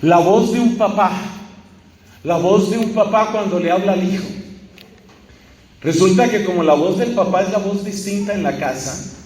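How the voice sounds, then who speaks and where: In an echoey church or large hall, a man with a high, slightly mellow voice preaches a live sermon at normal speed, pausing often. He's emphatic, repeats key phrases, and asks rhetorical questions; the mic is far off and there's a faint hum.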